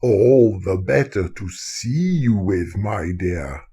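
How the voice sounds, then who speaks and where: Grandad doing a gruff, sly big bad wolf. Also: male voice, low-pitched, expressive, dark tone, pitched below the performer's own voice, heavily acted. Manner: slow, falsely charming. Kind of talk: storybook reading.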